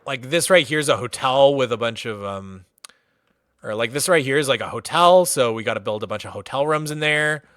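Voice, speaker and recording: Touring a game world on a casual livestream, this Massachusetts man chats loosely and relaxedly, filling his speech with "like." His mid-range voice is smooth and fairly quick, in a dry, clean studio recording.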